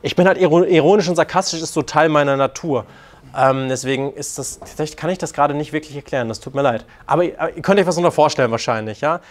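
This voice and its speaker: Casting: male dating coach, a touch high-pitched, blunt and playful. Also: quick pace. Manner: animated, acts out quoted lines in put-on voices; frank, crude and joking. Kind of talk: casual coaching talk.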